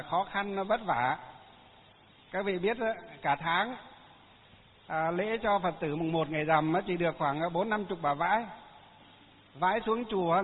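A man's voice: high-pitched, a little hiss or hum. A man, a Buddhist monk giving a folksy Dharma talk full of anecdotes and fillers. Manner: folksy, chatty storytelling with frequent fillers. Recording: tinny phone-like sound in a long-reverb hall.

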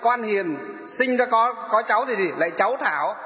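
A Buddhist monk gives a dharma talk to elderly followers, asking them questions and answering them himself. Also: male voice, high-pitched, expressive, brisk. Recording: echoey hall, dull sound.

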